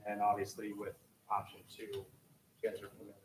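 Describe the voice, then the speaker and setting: A man, a contractor, presenting options at a public meeting in a casual, halting way. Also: on the low side, completely flat delivery. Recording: distant mic with room noise.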